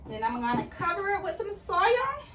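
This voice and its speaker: A woman's voice: very high-pitched, sing-song, normal speed, pushed and bright, slight background noise. A woman chatting casually as she explains each step of her gardening work. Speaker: gardening vlogger. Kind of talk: casual how-to chat while working. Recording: slightly distant mic.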